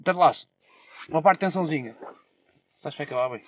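A man's voice: fairly high pitch, quick pace, a little hiss or hum. A young man with a European Portuguese accent, chatting casually and slangily, with swearing, as a podcast co-host. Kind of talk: casual chat.

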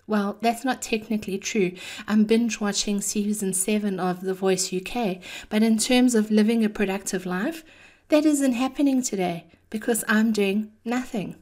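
A woman delivers a chatty motivational monologue as a podcast host. Her manner is theatrical and cheeky, mixing personal anecdote with encouragement. Her pitch sits in an average range for a woman. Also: normal speed, a little mellow.

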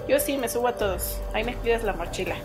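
A woman's voice: a little high, quick pace, over music. Playful laughing Mexican woman. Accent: Mexican Spanish. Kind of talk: casual chat.

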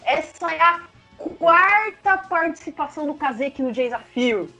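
High-voiced Brazilian woman hosting, animated. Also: unhurried. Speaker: host of a quiz challenge show. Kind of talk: excited casual show hosting. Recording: dull lo-fi sound, music behind.

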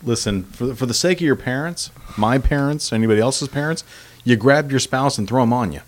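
A man's voice: mid-range voice, fairly quick, a little hiss or hum. Joking man riffing in podcast chat. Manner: joking, chuckling, riffs on stories.

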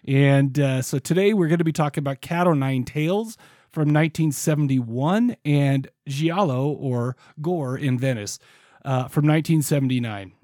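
Higher-voiced man hosting a casual podcast. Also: normal speed, darkish tone, dry recording, studio quality. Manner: informal, jokey, profane. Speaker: podcast host. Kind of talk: casual chat.

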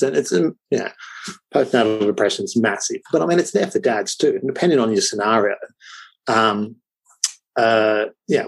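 A husky-voiced man in his thirties, talking casually on a podcast. He tells stories in a relaxed, rambling way, with frequent fillers and a slightly breathy grain to his voice. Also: on the low side, poor audio. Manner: lively anecdotes with frequent fillers. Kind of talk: casual storytelling chat.

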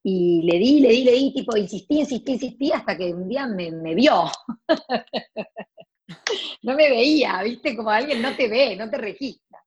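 Woman, forties, Rioplatense Argentine accent, husky voice, chatty storyteller, dull lo-fi sound. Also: fairly high pitch, animated, normal speed, a little mellow. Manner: chatty, many restarts and asides. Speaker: actress guest. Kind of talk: casual storytelling chat.

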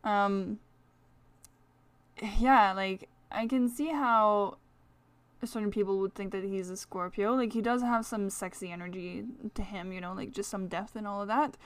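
A woman's voice: mid-range voice, steady tone, unhurried, smooth, no room sound. A woman with a French accent hosting a casual solo podcast, talking in a rambling, chatty way full of fillers. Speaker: astrology podcast host.

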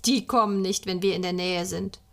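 A woman voicing a calm, patient father explaining things to his children. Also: fairly low pitch, normal speed, vocal fry.

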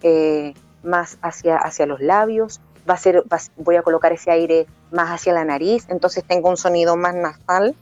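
A woman's voice: lowish voice, steady tone, normal speed, hardly any pauses, a little mellow. Woman teacher explaining voice over the phone. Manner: explanatory, sings short demonstration phrases. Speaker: music and singing teacher. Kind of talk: explaining voice technique on a call-in interview. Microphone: phone call. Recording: muffled phone line with faint music.

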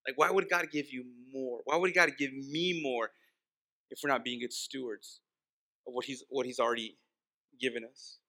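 A pastor from Texas, United States, whose first language is Spanish, preaches an informal, conversational sermon, repeating key phrases for emphasis. His mid-range voice is bright and forceful, with fairly even intonation and a normal speed.

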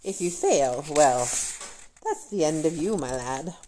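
A woman's voice: low-pitched, expressive, dark tone, slight background noise. A woman voicing a gloating old witch queen who cackles and draws out her taunts. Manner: cackling, smirking, drawn-out taunts.

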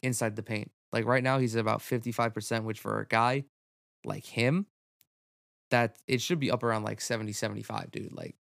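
A man's voice: mid-range voice, gravelly, dry recording, studio quality. A young man hosting a solo sports podcast, talking loosely with lots of fillers and casual swearing. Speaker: podcast host.

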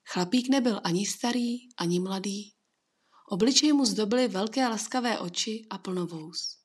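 Woman reading a kids' story, soft and hushed, breathy, mid pitch. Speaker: narrator. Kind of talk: storybook narration.

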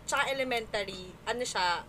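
A woman's voice: on the high side, brisk. A woman in a casual podcast chat, giggly and rambling as she pokes fun at herself. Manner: giggly, rambling, self-mocking. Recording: crowd chatter behind.

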